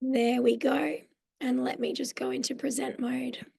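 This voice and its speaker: Over a video call, a hoarse Australian woman in her forties, a mental health social worker whose voice is nearly gone, presents a live online mindfulness workshop. Her croaky voice is high and darkish, delivered flatly at a measured pace, and she explains things in a friendly way, saying "um" often.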